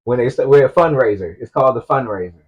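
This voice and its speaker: A man's voice: medium pitch, fast talker, slightly rough, dull audio. Easygoing man rambling in casual chat. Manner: relaxed, rambling, repeats himself, restarts sentences. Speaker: podcast co-host. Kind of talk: casual chat about TV shows.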